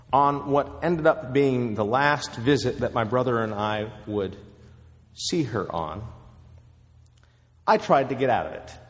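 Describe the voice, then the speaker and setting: A man preaching a sermon, telling a story with measured pauses. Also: on the low side, big-room sound.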